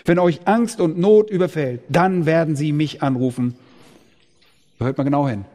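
Preaching man in a reverberant hall. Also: moderate pace. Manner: dramatic, swings from loud proclamation to hushed low tones. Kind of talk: sermon. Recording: long reverb of a large hall.

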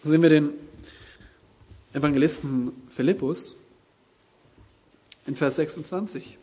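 A man preaching an expository sermon, teaching deliberately and with emphasis. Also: fairly high pitch, dark tone, husky.

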